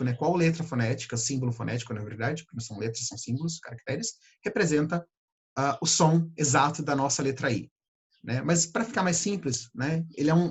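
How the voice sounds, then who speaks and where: A Brazilian man teaching English pronunciation, patiently repeating sounds slowly to demonstrate them. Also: on the high side, slightly rough. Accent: Brazilian Portuguese. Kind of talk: pronunciation lesson.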